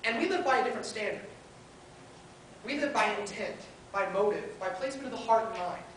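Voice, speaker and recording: A woman's voice: a little high, expressive, a little fast. Woman preaching at a pulpit microphone, echoey hall. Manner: earnest, builds points in short listed phrases. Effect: spoken into a pulpit microphone. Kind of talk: sermon. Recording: very echoey hall, heard from far off, faint hiss.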